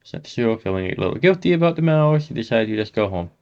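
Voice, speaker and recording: A man reading a horror text game aloud as a gaming host, saying the sound effects out loud as he goes. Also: mid-range voice, expressive, fast talker, highs cut off. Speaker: gaming YouTuber.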